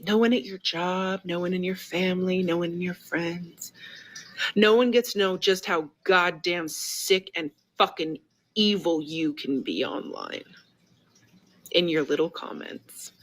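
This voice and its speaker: A woman's voice: lowish voice, unhurried. A woman ranting to camera in a heated, profane, lecturing tone. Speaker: social media commentator. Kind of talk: angry direct-to-camera rant.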